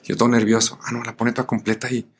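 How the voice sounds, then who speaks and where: A man with a Mexican accent, a guest musician telling a story in a casual, animated way, acting out the voices of the people in it and using plenty of fillers. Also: mid-range voice, fast, slight background noise. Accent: Mexican Spanish. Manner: animated, acts out voices in his stories, many fillers.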